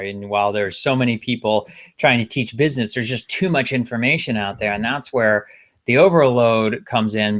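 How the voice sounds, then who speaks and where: A man's voice: medium pitch, fairly bright tone. A man co-hosting a live webinar, chiming in with enthusiasm and laughing often.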